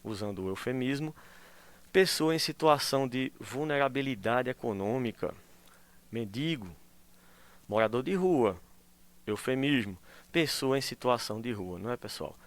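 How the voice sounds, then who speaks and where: A male teacher giving a recorded school lesson. He explains patiently, checks in constantly with tag questions, and acts out example phrases in a lively way. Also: mid-range voice, moderate pace, pauses often.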